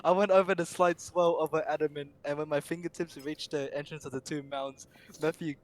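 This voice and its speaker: A man's voice: fairly high pitch, steady tone, a little fast. A young man narrating an amateur comedic reading aloud, often stumbling over words and breaking into laughter.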